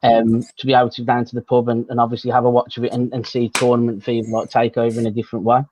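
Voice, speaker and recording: Man, middle pitch, rambling, repeats words, casual podcast guest. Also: completely flat delivery, rapid-fire, background noise. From Birmingham, England. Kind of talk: casual football chat.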